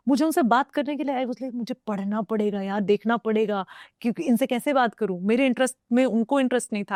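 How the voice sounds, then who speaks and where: A young woman from northern India talks through her own experiences in a reflective, easygoing way. She switches between Hindi and English in the middle of her sentences. Her voice sits at a medium pitch and sounds dry and close to the mic. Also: a little mellow, no echo. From Uttar Pradesh, India. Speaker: guest. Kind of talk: casual conversation.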